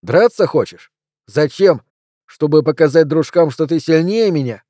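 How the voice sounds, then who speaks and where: A man voicing a schoolboy who speaks calmly and reasons with a bully. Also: on the high side, a little slow, no echo, studio quality. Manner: calm, reasoning, steady. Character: calm, level-headed schoolboy.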